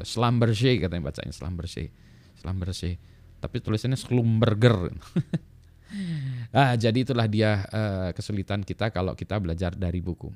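Seorang pria setengah baya, dosen teknik elektro, bercerita santai, bertele-tele dan sering terkekeh, dengan nada yang kadang melonjak. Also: male voice, dry recording. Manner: rambling, chuckling, lively pitch jumps. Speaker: lecturer in electrical engineering. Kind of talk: casual vlog talk.

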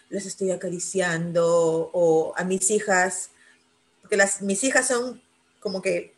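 A middle-aged woman in a casual panel chat, speaking openly and emotionally about raising her children. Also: on the low side. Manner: emotional, talks of near tears. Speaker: mother of grown children.

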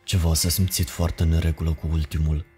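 A man narrating a horror story in a measured, ominous way. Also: a bass voice, flat delivery, mellow. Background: music.

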